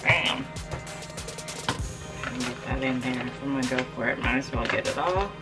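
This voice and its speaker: A woman's voice: rumbling low, normal speed, loud music behind the voice. A woman vlogging casually in her home kitchen, walking viewers through a recipe. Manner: chatty, walks viewers through her cooking. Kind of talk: casual vlog narration.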